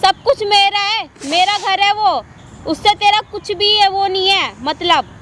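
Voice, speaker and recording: A woman playing a harsh young stepdaughter in a homemade street skit, her voice very high and sharp. She speaks with contempt and barks commands. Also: a little slow, slight background noise, heavily acted. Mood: scornful. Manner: scornful, commanding, shouting orders. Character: angry young adult stepdaughter, harsh and defiant. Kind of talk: amateur street skit acting.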